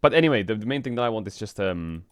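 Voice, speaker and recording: A man streaming in casual chat, frank and rambling, swearing often, with a flat delivery because he just woke up. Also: racing, smooth, no room sound, studio quality. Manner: flat, low-energy delivery. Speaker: streamer and esports team owner.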